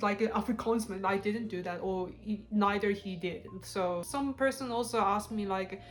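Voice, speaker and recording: In a couple's Q&A video, a young adult Korean woman with a Korean accent chats casually as co-host, blunt, talkative and quick to laugh. She speaks at a moderate pace in a medium pitch.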